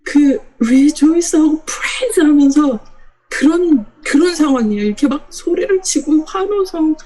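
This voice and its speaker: A woman's voice: fairly high pitch, mellow, poor audio. A woman pastor preaching a sermon, explaining scripture and putting questions to her listeners. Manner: explains Bible passages, asks the congregation questions.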